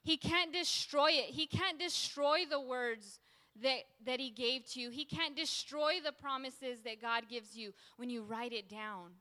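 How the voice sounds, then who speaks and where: A woman delivers an emphatic sermon as a preacher, circling back to repeat her key phrases. Her voice sits a bit high with a crisp, bright edge. It rings out in a large room with a long, trailing reverb. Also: fairly even intonation, measured pace.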